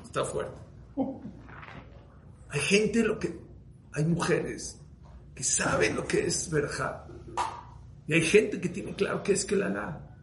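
A man preaching as a rabbi, swinging from hushed to loud and firing rhetorical questions at his listeners. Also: sits high, takes it slowly, creaky, long pauses, noisy background. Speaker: rabbi giving a Torah talk. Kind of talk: sermon to a live audience. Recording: roomy echo.

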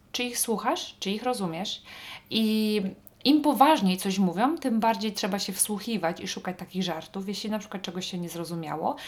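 A Polish woman hosting a podcast, talking in a chatty, wry monologue with frequent fillers. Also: medium pitch. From Poland. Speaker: podcast host. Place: northern Norway.

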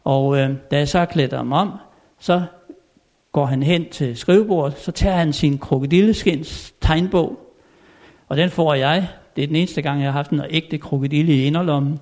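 An older man telling anecdotes in a chatty way, chuckling often and filling pauses. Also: a little high, a little mellow. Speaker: storyteller. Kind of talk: anecdotal storytelling.

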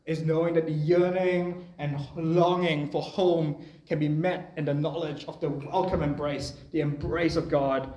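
A man's voice: fairly high pitch, fairly even intonation, a little slow, hardly any pauses, darkish tone, roomy sound, poor audio. A young man preaching a sermon in a church, speaking in a conversational, personal way.

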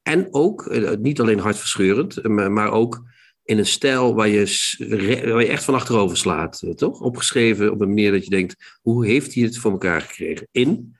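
A man's voice: lowish voice, expressive, moderate pace. A man hosting a literary podcast, talking about books with many hesitations and restarts. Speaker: podcast host.

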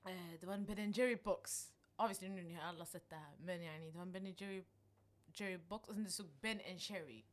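A young woman co-hosting a casual chat podcast, telling stories animatedly and mixing slang and English words, sitting a little back from the mic. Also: lowish voice. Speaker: podcast co-host. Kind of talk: casual chat among friends. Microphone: sitting a meter back from the mic.

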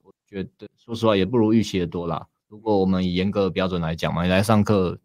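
A man's voice: deep voice, steady tone, quick pace, a little mellow, no echo, studio quality. A man with a Taiwanese Mandarin accent, coaching in a casual chat, talking bluntly and sternly. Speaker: dating coach.

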